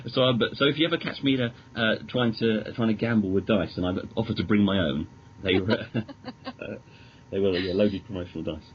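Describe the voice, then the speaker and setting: At a normal speed and a lowish pitch, a British man chats casually as an interview guest on a podcast, where he appears as a magazine editor. His manner is hesitant and rambling yet enthusiastic; the audio is dull, lo-fi, and noisy.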